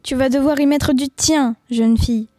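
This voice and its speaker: A woman's voice: high-pitched, fairly even intonation, moderate pace, a little mellow, no echo, close to an everyday voice. Woman reading as a blunt, cold father. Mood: cold lecturing. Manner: curt, lecturing. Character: bankrupt small mustached father, blunt and cold. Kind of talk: audiobook reading.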